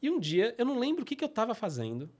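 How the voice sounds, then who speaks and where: Fast, lively Brazilian man telling stories. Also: extremely high pitch. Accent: Brazilian Portuguese. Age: middle-aged. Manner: animated, acts out quotes, many fillers like "né" and "tipo assim". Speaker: podcast host telling his own stories. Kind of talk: casual storytelling.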